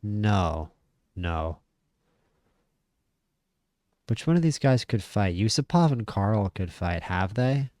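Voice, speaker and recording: A man casually commentating a boxing management game, chatty and opinionated, stammering when he gets excited. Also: fairly low pitch, measured pace, dry recording, clean studio sound. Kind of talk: casual play-by-play commentary over a boxing sim.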